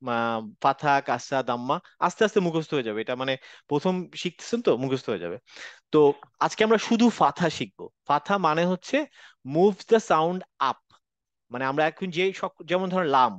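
A man's voice: on the high side, fairly bright tone, no echo. Patient male teacher on a dull call. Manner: patient, explains step by step, mixes English phrases. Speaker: Quran reading teacher. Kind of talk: online class lesson. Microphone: video call. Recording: dull lo-fi online class audio.

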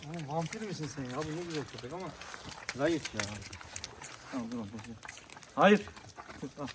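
Man vlogger, slightly high voice, short firm commands to dogs, rural roadside, noisy outdoor recording. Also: animated, fairly quick. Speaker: vlogger feeding stray dogs. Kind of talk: casual outdoor vlog talk. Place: outdoors by a road in the countryside. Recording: outdoor recording with clear background noise.

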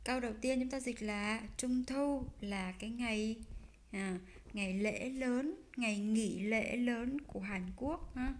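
A woman teaching a casual online language lesson, explaining slowly with many fillers and pauses. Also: fairly high pitch. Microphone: desk mic while writing notes on screen.

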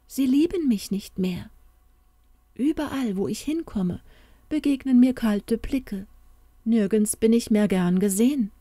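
A woman's voice: a little high, a little slow, mellow, no echo, voice pushed up. A woman voicing a sad young woman who is the fairy tale itself, in a pleading, plaintive way.

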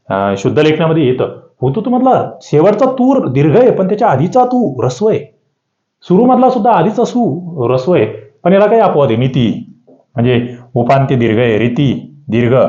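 A man teaching an exam-prep grammar lesson, working through many examples with his pitch swinging up and down to stress each point. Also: mellow. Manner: explains with many examples, pitch rising and falling sharply for emphasis. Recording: dull, echoey room sound.

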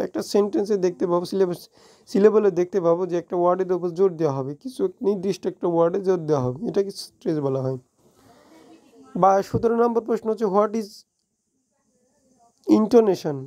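A woman with a Bengali accent teaching an exam review lesson. She reads English definitions slowly, explains them quickly and often corrects herself. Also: medium pitch, warm tone. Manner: frequent self-corrections and restarts.

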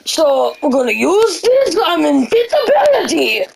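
A woman narrating her own moves during VR gameplay, excitable and prone to sudden shrieks. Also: extremely high pitch, unhurried, creaky, slight background noise, poor audio. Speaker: gaming channel host. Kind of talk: VR gameplay commentary.

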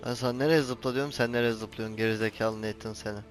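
A man's voice: mid-range voice, fairly even intonation, quick pace, soft background music. Exasperated man commentating his gameplay. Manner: exasperated, scolds the game character and swears at the camera. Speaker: gaming channel host. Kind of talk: let's play commentary.

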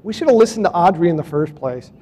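A man's voice: high voice, expressive, quick pace, warm tone, slightly rough, in a large hall. A man telling his story to a conference audience in a casual way, reading out dates and talking to the crowd. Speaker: speaker at a UFO conference. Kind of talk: conference talk presenting photos and clips. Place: conference hall.

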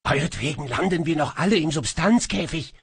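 A man's voice: mid-range voice, expressive, normal speed, husky, dry recording, studio quality. Man doing a growling, sulky djinn Tivok. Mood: grumbling. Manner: growling, grumbling. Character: sulky, grumbling male djinn.

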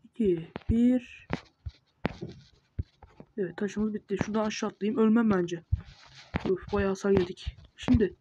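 A woman's voice: mid-range voice, measured pace, pauses often. A woman giving casual gameplay commentary, muttering self-talk and scolding the monsters. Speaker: gamer. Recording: dull lo-fi mic with noise.

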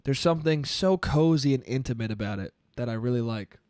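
This podcast host, a man in his twenties, speaks at medium pitch with a darkish tone and a slightly quick pace. Up close on a boom-arm mic in a small bedroom studio, he rambles profanely through a casual solo monologue, laughing at his own jokes and sounding a bit congested. The recording is dry and clean.

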